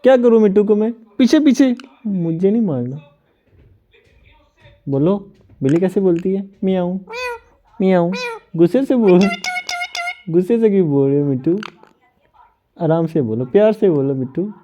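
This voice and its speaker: A woman talking to her pet parrot in a sweet, playful, coaxing way and gently teasing it. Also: on the low side, lively intonation, moderate pace, long pauses, highs cut off, a little hiss or hum. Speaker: parrot owner.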